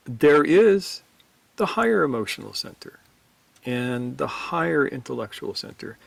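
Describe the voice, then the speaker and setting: A man with a gravelly, creaky edge to his mid-pitched voice talks through spiritual ideas in a measured, emphatic way. The sound is close and dry, with no room around it. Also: sing-song, no echo. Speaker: podcast co-host teaching on Gurdjieff. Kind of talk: reflective spiritual discussion.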